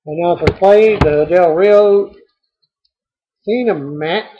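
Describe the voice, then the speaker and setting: A man's voice: sits high, slow pace, dull audio. A man reading out a recap of a televised wrestling show, with dry asides. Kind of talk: read-aloud show recap.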